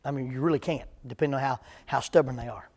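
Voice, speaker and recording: A man's voice: medium pitch, steady tone, fast, darkish tone. A man, a preacher leading a parenting seminar in plain-spoken, humorous talk before a live church audience.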